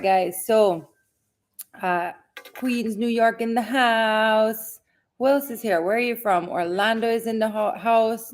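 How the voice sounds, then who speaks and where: A woman's voice: lowish voice, a little mellow. A Jamaican woman in her forties hosting a casual livestream from home, chatting upbeat and reading viewer comments. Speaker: host.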